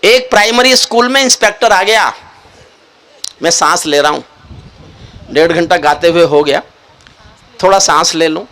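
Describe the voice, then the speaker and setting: An older man, a poet, telling jokes and stories to a live audience with animated, expressive delivery. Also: sits high, normal speed, pauses often. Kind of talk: stage poetry and joke telling to a live audience. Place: live event stage.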